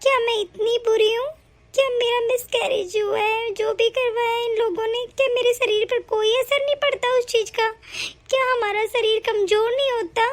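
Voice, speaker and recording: Woman voicing a wronged young wife and mom, tearful and pleading, super high pitched, cartoon story. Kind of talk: animated story voice acting.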